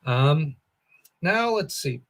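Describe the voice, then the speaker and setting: A man's voice: on the high side, lively intonation, very slow, fairly bright tone. A man co-hosting a casual book discussion podcast, enthusiastic and opinionated, thinking aloud with fillers. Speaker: podcast co-host.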